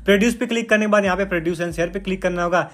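A man's voice: sits high, rapid-fire, fairly bright tone. A man talking through a phone editing app step by step in a chatty, repetitive way. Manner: chatty, repeats "dekhiye doston" and "bhai". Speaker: tutorial host. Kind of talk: screen-recorded app tutorial.

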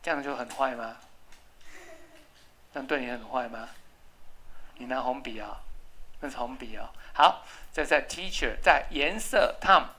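A woman's voice: rumbling low, measured pace, pauses often, pushed and bright, breathy edge. A woman English teacher, leading a classroom lesson and patiently drilling spelling and pronunciation.

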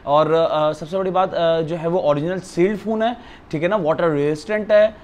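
A man with a Pakistani accent giving an eager, repetitive teleshopping-style sales pitch as a phone retailer. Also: moderate pace, a little mellow. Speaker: phone retailer presenting stock. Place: living room of a house, indoors. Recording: some background noise in a room.

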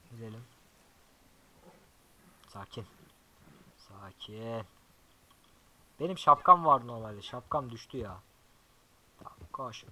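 A young man giving casual gameplay commentary as a YouTuber, chatty and swearing often, talking softly to his horse now and then. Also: medium pitch, slight background noise, rough recording. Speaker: gaming YouTuber.

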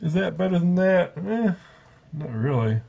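This man's voice is high and animated yet unhurried, creaky, mellow and husky. He's a book reviewer talking through a casual review at a table, rambling, offhand, and frequently correcting himself along the way.

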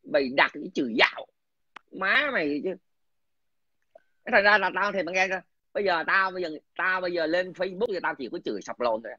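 A man swears his way through a scornful, aggressive rant. His voice sits high and sounds sharp and tense. The recording is dull and lo-fi, with a dry, close sound. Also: animated, a little fast, no room sound. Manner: crude, aggressive, swearing, addresses listener scornfully. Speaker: political commentator. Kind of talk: casual profane rant.

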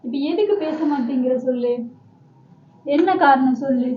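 High-pitched woman nagging and begging her husband by turns, dull echoey room sound. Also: normal speed, a little hiss or hum. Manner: pleading and scolding by turns. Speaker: wife pranking her husband. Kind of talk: casual home video.

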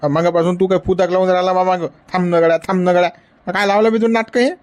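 Fast and high-pitched with a level tone near his everyday voice, the actor plays a whining, insistent, lovesick old grandfather speaking in a Varhadi Marathi accent as part of a comedy sketch.

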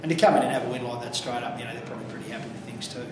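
A man's voice: mid-range voice, very fast. A man in his forties with an Australian accent, a football coach giving an upbeat post-match interview full of fillers and restarts. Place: small indoor room with bare walls. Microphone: camera mic from a few feet away. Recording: very echoey room, distant mic, audible noise.

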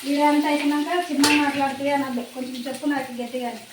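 A woman's voice: high voice, steady tone, racing, very noisy. A woman chatting casually as she cooks in her home kitchen, explaining each step. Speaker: home cook, vlogger. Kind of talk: casual cooking chat. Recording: echoey room, frying sizzle behind.

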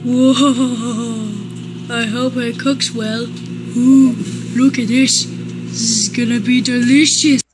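A woman's voice: on the high side, fairly even intonation, takes it slowly. A woman giving childlike, step-by-step narration of a simple cooking demonstration. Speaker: cooking video creator. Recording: noisy homemade video.

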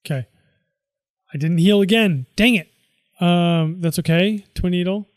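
A man's voice: sits high, a little slow, no echo, studio quality. A tired man mumbling casual commentary to himself as he plays a video game. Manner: mutters reactions to himself. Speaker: let's play host.

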